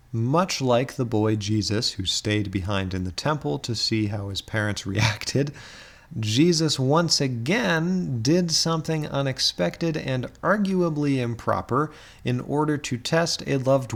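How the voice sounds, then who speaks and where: A man's voice: mid-range voice, animated, unhurried, creaky. A man giving a conversational, reflective talk explaining scripture, with chuckles and fillers. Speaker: author and commentator.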